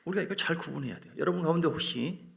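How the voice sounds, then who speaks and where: A male pastor preaching a dramatic sermon, swinging between loud bursts and whispers and acting out biblical figures. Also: fairly high pitch, very fast, gravelly. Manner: acts out voices of biblical figures.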